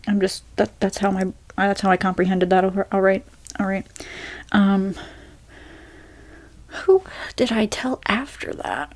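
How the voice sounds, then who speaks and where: A young woman speaks softly in a relaxed, rambling way, answering viewer questions as an ASMR creator. Her voice sits in an ordinary middle pitch, and she drifts along with fillers and restarts. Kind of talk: soft-spoken rambling Q&A.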